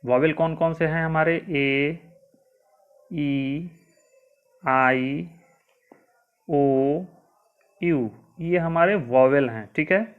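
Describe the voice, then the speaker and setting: A man's voice: a little high, drawn-out words, long pauses, smooth. A man teaching young pupils a spoken grammar lesson, patiently spelling words letter by letter and asking the class questions he then answers himself. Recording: tinny phone-like audio.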